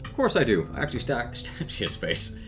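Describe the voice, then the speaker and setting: A man voicing an eager young male ghost hunter who excitedly rattles off lists of gear, in a read-aloud story game. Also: mid-range voice, normal speed, music in the background, voice pushed up. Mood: earnest.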